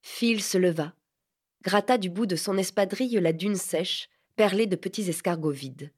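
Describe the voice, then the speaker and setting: A woman's voice: on the low side, slightly rough. Woman narrating a literary audiobook. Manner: measured, even storytelling.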